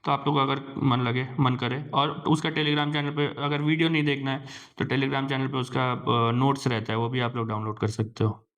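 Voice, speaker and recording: A young man teaching exam aspirants in a relaxed lecture, slowly reading out English headlines and then explaining them casually in Hindi. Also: mid-range voice.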